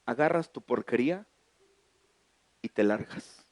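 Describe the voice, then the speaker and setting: A Mexican man voicing his stern, older father, speaking slowly and reproachfully. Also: medium pitch, lively intonation, a little mellow, no room sound, pitched below the performer's own voice.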